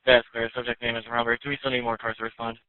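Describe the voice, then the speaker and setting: Heard through faint static on a narrowband police radio, this dispatcher talks fast in a monotone, mid-range voice. He repeats calls back using terse radio phrases.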